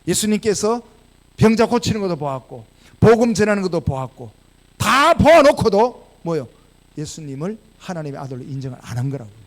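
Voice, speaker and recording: A man with a Gyeongsang Korean accent preaching a sermon as pastor, animated and firing rhetorical questions at the congregation. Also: high voice. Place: church sanctuary.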